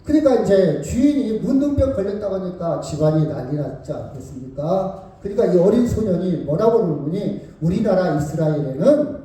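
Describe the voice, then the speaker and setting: High-voiced male pastor in echoey church. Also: dark tone, far from the mic. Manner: storytelling, acting out quoted lines, asking the congregation. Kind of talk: sermon. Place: church hall.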